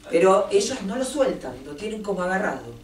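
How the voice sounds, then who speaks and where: A woman's voice: medium pitch, big pitch swings, fairly quick. A woman from Argentina with an Argentine accent, giving an impassioned book presentation and stressing her points with long emphatic lists. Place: event room in a café. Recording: roomy, distant mic, faint noise.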